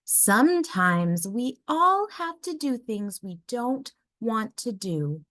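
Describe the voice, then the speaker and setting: A woman voicing a loving mother raccoon in a storybook, gentle, soothing and reassuring. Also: on the high side, sing-song, slow pace, no echo, pitched above the performer's own voice, exaggerated voice. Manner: gentle, soothing, teasing tenderness.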